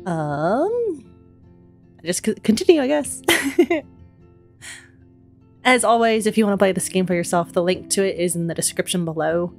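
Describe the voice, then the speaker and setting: A young woman streams a game at home on a headset, chatting, laughing, and reacting aloud in casual let's-play commentary, her voice stuffy from a cough. It's mid-range, a little mellow and creaky, with lively intonation, a moderate pace, and frequent pauses. Soft music plays in the background.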